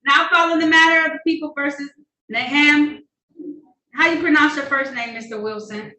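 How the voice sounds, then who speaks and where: A woman's voice: high-pitched, normal speed, sharp tone, a little hiss or hum. A woman presiding as a judge, firm but kindly, heard on a courtroom recording. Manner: firm but kindly, repeatedly addressing the defendant by name. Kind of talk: presiding over a court hearing. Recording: echoey courtroom recording from a distance.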